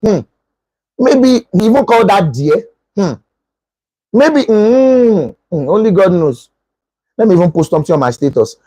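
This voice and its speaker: A jealous, dramatic young woman with a Nigerian accent whines and frets in high, climbing exclamations, as a preacher puts her on. The voice stays husky and dry, close to the mic. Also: animated, a little fast, mellow, no echo. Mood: suspicious, indignant.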